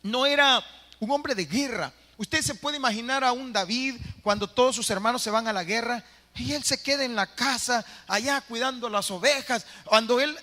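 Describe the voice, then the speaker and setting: A man preaching a sermon as pastor, animated, dramatizing scenes and calling out phrases to his church. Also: very high-pitched, long reverb tail. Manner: animated preaching, acting out voices and shouting phrases. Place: church sanctuary.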